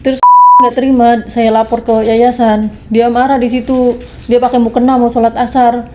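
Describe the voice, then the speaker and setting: A young woman, a domestic worker, giving testimony in a plain, halting way and quoting the dialogue. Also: on the high side, flat delivery, dark tone. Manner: plain retelling, quotes dialogue, slow and halting. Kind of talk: personal testimony.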